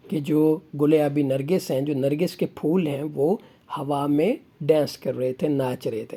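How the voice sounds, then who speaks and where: Mellow-voiced teacher. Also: male voice, on the high side. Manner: asks questions and answers them himself. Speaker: English teacher. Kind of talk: explaining grammar lesson.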